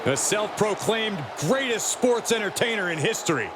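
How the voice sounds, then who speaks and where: A man's voice: high voice, lively intonation, normal speed. A man doing analytical wrestling commentary during a match. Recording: noisy, loud crowd behind.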